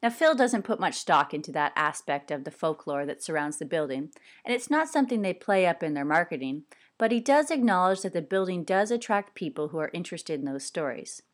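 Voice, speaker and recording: A woman from Canada who hosts a podcast, reading her narration in a measured way from a script. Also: on the low side, animated. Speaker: podcast host. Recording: narration with music underneath.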